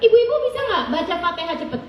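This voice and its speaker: A woman preacher telling a personal story in a religious talk, acting out the dialogue lively and with laughter. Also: very high voice, very fast, muffled recording, slight background noise. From Indonesia. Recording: echoey room, distant mic, faint ambience.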